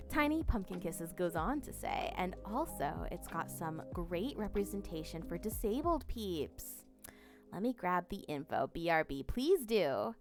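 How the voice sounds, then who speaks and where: A woman's voice: lowish voice, a bit bright. A woman streamer in a casual live chat, reading messages aloud with many fillers and restarts, breaking into bubbly greetings.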